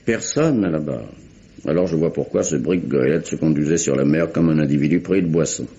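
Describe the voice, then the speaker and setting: In a French radio mystery drama, an actor plays a pompous, suspicious British attorney general of the 1870s, using formal, precise diction with a probing, skeptical mood. His male voice rumbles low, fairly quick, creaky and warm, heard through a dull, muffled vintage radio recording.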